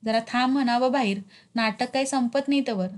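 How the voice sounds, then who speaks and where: A woman voicing a cheeky village doorkeeper in a spoken story, rustic and joking. He teases the manager in broad dialect, pitched a touch high. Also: a little fast, lightly acted. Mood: teasing.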